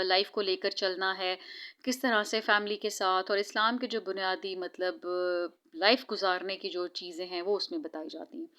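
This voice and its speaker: A woman's voice: medium pitch, a bit bright. A woman in her thirties narrating her family's evening routine in a casual vlog, opening with devout greetings and talking chattily with frequent hesitations. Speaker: vlogger.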